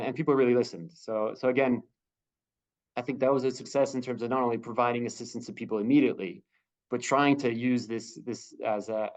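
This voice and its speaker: On a video call, a humanitarian spokesperson fields questions haltingly, stumbling through fillers and starting sentences over. He speaks in a mid-range voice.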